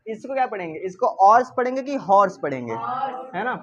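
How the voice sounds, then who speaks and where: A man's voice: high voice, animated, fairly quick. A male teacher giving a grammar lesson, constantly asking rhetorical questions and repeating the key words, with a playful, chiding manner. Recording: dull lo-fi recording.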